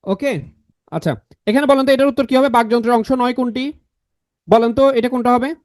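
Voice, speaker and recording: Brief: young male grammar tutor, very high voice, dry close sound, drills exam answers by repetition. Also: a little fast, darkish tone, no echo. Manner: repetitive, drills key answers, asks the class questions. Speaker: grammar teacher. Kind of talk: online exam-prep lecture.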